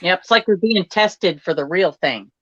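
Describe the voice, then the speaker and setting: Bright, forceful woman on dry lo-fi audio. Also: on the low side, expressive, moderate pace, no echo. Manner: eager, frequent agreeing interjections. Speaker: guest. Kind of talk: casual group chat on a live stream.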